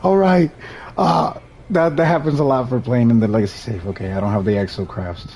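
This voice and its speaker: A young Puerto Rican man, a native Spanish speaker with a Puerto Rican accent, streams gameplay and chats easily over it, rambling and often restarting his sentences. His medium-pitched, darkish voice moves fairly quickly, with slight background noise.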